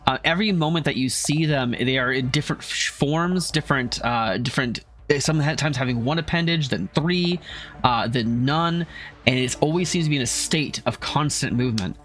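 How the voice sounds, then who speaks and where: A man at a middle pitch runs a homebrew tabletop game, describing scenes and rules. He talks in a halting way, full of fillers and restarts. Soft music plays faintly behind him. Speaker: game master.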